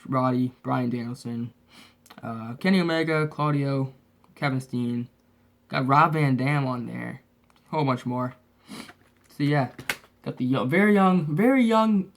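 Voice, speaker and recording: A man's voice: mid-range voice, a little hiss or hum. Man with a lisp from braces. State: slightly sick, sniffly. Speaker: host of a wrestling DVD collection update. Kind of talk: casual, rambling show-and-tell chat.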